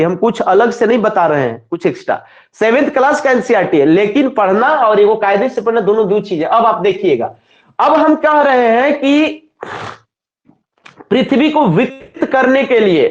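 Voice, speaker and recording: A man with a Bihari Hindi accent giving a classroom lecture, asking his students questions, answering them himself and repeating the key terms. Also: sits high. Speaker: teacher. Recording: echoey, dull lo-fi room sound.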